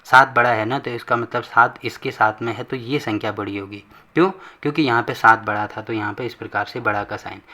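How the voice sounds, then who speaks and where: A man teaches a maths lesson in a bright, forceful voice. He explains each step patiently and repeats points often, asking questions and answering them himself. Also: medium pitch, steady tone, brisk. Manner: patient, repetitive, asks and answers own questions.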